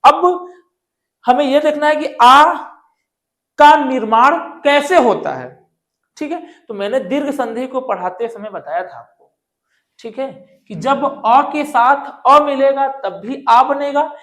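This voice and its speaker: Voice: high-pitched, lively intonation, slow, a bit bright. A Hindi grammar teacher going through multiple-choice exam-prep questions step by step. The teacher often poses a question, answers it, and checks in with the students. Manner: explains step by step, often checking in with "ठीक है" and "दोस्तों"; asks questions then answers them.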